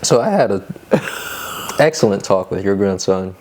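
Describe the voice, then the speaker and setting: Low-voiced laid-back male podcast host. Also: animated, measured pace, a little mellow, a little hiss or hum. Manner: laid-back, chatty, laughs often. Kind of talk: casual podcast conversation.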